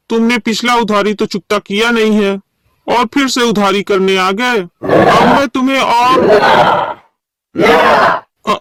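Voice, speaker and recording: A man's voice: sits high, a bit bright, clear, resonant tone, no echo. A man voicing a stingy middle-aged village shopkeeper in a cartoon who hesitates and stammers when he gives in. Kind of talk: cartoon voice acting.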